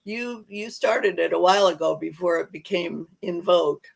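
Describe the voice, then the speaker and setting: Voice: mid-range voice, moderate pace, creaky. A podcast host in a casual interview, thoughtful and supportive, often affirming the guest.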